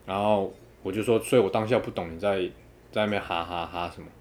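A man telling a dating story in casual chat, quoting others with animated, laughing delivery. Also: sits low, fast.

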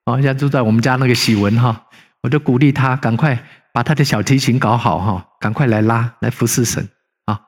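A man's voice: medium pitch, breathy edge. A middle-aged male pastor preaching a conversational sermon, telling stories animatedly and acting out the people he quotes in a raised voice. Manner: frequent tag particles, conversational preaching. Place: church sanctuary. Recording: long hall reverb.

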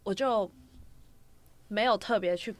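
A woman's voice: mid-range voice, unhurried. A young woman, telling a long story on a casual podcast, rambling from clause to clause with fillers. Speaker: podcast co-host.

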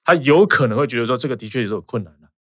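A man with a Taiwanese Mandarin accent, a lawyer explaining legal cases in casual podcast chat, animated and quick with examples. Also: mid-range voice, breathy edge, no echo, studio quality.

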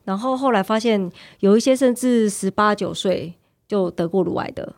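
A woman's voice: mid-range voice, normal speed, darkish tone. A woman in her thirties with a Taiwanese Mandarin accent, casually telling personal stories as a podcast guest.

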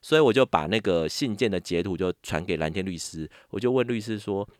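A man with a Taiwanese Mandarin accent, a podcast guest telling a story in casual chat. He is animated and acts out other people's lines with sudden jumps in pitch. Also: fairly quick, no echo, studio quality.

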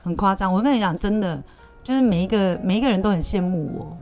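A woman's voice: mid-range voice, expressive, quick pace, darkish tone, soft background music. Chatty Taiwanese woman telling a story. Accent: Taiwanese Mandarin. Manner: chatty, laughs often, acts out quoted people. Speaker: guest, bar owner. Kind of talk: casual storytelling chat.

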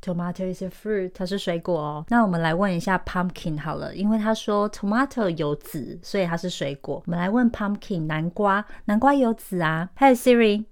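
A woman teaching an English lesson in a podcast, explaining clearly and sounding out careful English examples on a close mic. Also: on the low side, moderate pace, few pauses.

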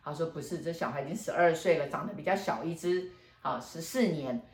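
A woman feng shui master, telling a story in a lively, chatty way with frequent laughs. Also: low voice, fairly quick. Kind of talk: casual storytelling chat. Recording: roomy echo.

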